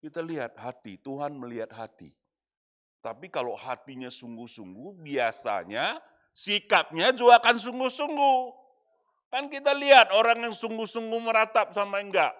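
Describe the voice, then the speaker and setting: A male pastor preaching a lively sermon at an online service, acting out the people he quotes. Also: high voice, moderate pace. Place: church or studio for an online service.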